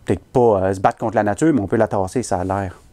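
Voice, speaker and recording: A man's voice: lowish voice, fast, mellow. A man with a Québécois French accent performing a comic story, self-mocking and punchline-driven.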